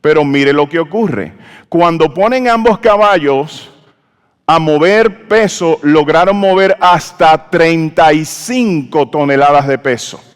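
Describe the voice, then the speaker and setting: A man's voice: a little high, takes it slowly, smooth. Man preaching a sermon, call-and-response with the congregation; resonant tone, long church reverb. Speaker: pastor. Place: church sanctuary.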